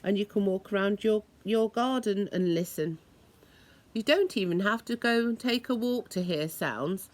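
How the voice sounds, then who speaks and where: The noises in this children's story get acted out with gusto by the woman reading it, whose mid-range voice moves at a deliberate pace.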